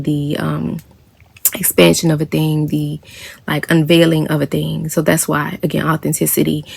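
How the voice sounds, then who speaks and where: A woman with a low, gravelly voice speaks in a relaxed, rambling vlog monologue, pausing on fillers and light laughs. The sound is close and dry, with no room around it. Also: no room sound. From United States. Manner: soft-spoken, meandering, frequent fillers and light laughs. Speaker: spiritual practitioner and reverend. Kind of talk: casual reflective vlog monologue.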